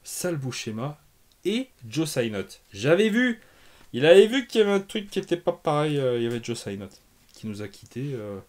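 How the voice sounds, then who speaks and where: A man's voice: fairly low pitch, slight background noise. A man hosting a comics channel, chatting casually through an unboxing, enthusiastic and thinking aloud with lots of fillers.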